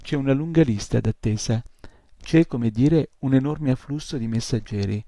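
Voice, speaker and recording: A man voicing a tiny, polite male creature who explains things softly and with a touch of smugness. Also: mid-range voice, normal speed, no echo, close to an everyday voice. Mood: polite explaining. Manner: soft, courteous, slightly smug.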